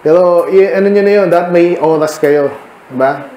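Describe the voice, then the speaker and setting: A man's voice: high-pitched, normal speed, mellow, reverberant, slight background noise, rough recording. Filipino pastor quizzing his listeners. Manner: conversational, quizzing listeners by name. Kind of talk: midweek Bible study sermon. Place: church meeting room.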